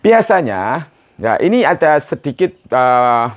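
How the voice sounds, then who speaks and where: A male English teacher explaining a beginner lesson, slowly drilling short phrases for learners to repeat and mixing English into his explanations. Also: medium pitch, very animated. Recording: dull lo-fi sound.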